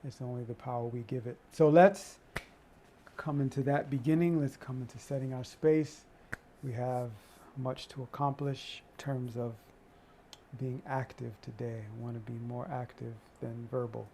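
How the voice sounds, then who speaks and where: A man leading a qigong energy meditation and prayer as an instructor, with an unhurried, encouraging, spiritual way of talking. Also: mid-range voice, steady tone, mellow, slight background noise.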